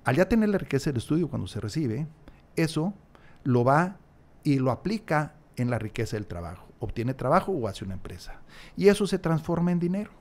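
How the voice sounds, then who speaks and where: Speaking fairly quickly with big swings in pitch, this man's voice sits a little high and has a slightly mellow tone. He is a long-winded podcast guest in a casual interview, acting out short exchanges and repeating important phrases for emphasis. A large studio mic on a stand captures him in a small room, and he wears headphones.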